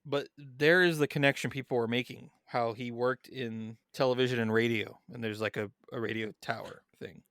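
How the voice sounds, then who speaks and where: Podcast guy, smooth clear voice, dry close mic, reads notes then rambles. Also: medium pitch, fairly even intonation, normal speed, hardly any pauses, a bit bright, no room sound. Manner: reads background notes aloud, then chats loosely. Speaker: podcast co-host. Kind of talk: casual chat.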